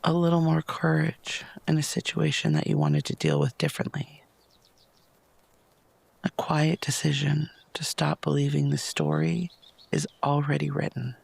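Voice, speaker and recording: A man with a slightly high voice leads a meditation, soft, breathy and gentle yet animated, unhurried and full of long pauses. Heavy vocal fry runs through his phrases, which often slip into near-whispers. The recording is close and dry, with no room sound.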